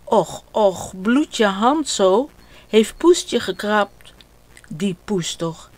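An older woman voicing a gentle, patient mother with a soothing tone in a children's story. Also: mid-range voice, lively intonation, slow, pitched above the performer's own voice. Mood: caring.

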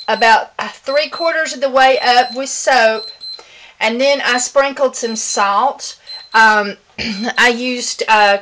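Bright-voiced chatty woman. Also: fairly high pitch, a little hiss or hum, low-quality recording. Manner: chatty, rambling with fillers. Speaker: soap maker. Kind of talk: casual home vlog.

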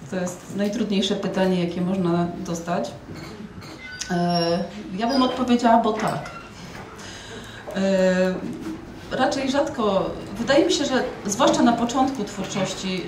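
A woman in her thirties talking reflectively about personal experience, in a halting, hesitant way. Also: mid-range voice, noisy background. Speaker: debut poet and author. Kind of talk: personal reflective interview talk.

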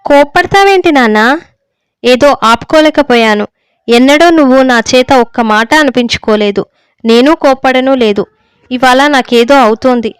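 Stern hurt old village dad scolding his son, a woman reads him in her high smooth voice, dry close sound. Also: no room sound, close to an everyday voice. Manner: scolding, pleading rebukes.

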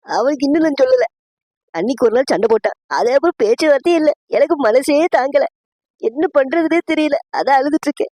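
A woman's voice: on the high side, moderate pace, pauses often, darkish tone, breathy edge, dry recording. A woman voicing a crying mother in a cartoon family skit, plaintive and sobbing as she grieves over her brother. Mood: tearful. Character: tearful mother missing her estranged brother.

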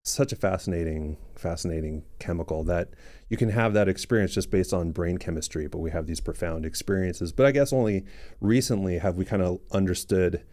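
Affable 40s guy hosting a podcast, low mellow voice, lots of yeahs. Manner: affable, quick agreeing interjections. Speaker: podcast host. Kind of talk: casual interview chat. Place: podcast studio. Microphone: boom mic on arm.

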